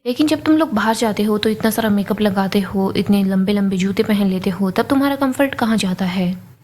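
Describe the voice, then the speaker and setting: A woman reading the lines of a stern, old-fashioned grandmother who scolds the young women of the house about their clothes, in a husky voice. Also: mid-range voice, fairly quick, darkish tone, natural voice. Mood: scolding. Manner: scolding, preachy.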